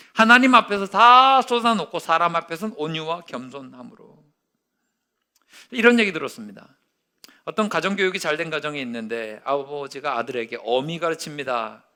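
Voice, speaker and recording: A male pastor preaching a sermon, telling a story and acting out its quotes, dropping to a hush and rising loud again. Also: fairly high pitch. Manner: storytelling with acted-out quotes, swinging from hushed to loud.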